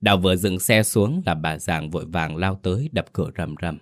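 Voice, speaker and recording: Man, very low voice, ghost story audiobook narration, steady and dramatic. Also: fairly quick.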